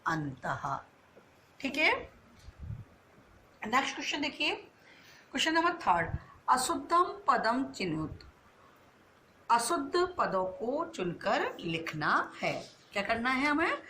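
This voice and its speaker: A woman teaching a school class, her voice bright and clear. She poses a question and answers it herself, slowly drawing out each key word. A faint hiss sits under the recording. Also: sits high, sing-song. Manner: asks questions and answers them herself, drawn-out words. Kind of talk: online class lesson.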